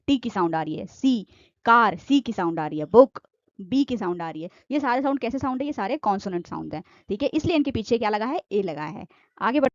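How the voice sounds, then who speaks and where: A woman's voice: a little high, no room sound, lo-fi sound. A woman teaching grammar, asking questions and answering them herself, repeating each point. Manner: repetitive, asks and answers own questions. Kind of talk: explanatory grammar lesson.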